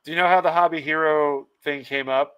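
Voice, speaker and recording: A man's voice: on the high side, fairly even intonation, a little fast, fairly bright tone, clean tone. A man hosting a casual livestream podcast, laughing often and reading out viewers' comments. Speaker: podcast host.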